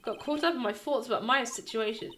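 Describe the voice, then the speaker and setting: A woman streaming a game live, chatting and reading the dialogue aloud in an animated way. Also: on the high side, fairly quick, slight background noise.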